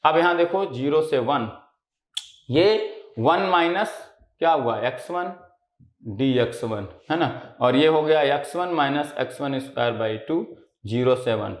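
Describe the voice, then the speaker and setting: High-voiced male teacher, echoey room. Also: lively intonation, unhurried. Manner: poses quiz questions and answers them himself; keeps checking understanding with tag questions. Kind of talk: exam-prep lecture.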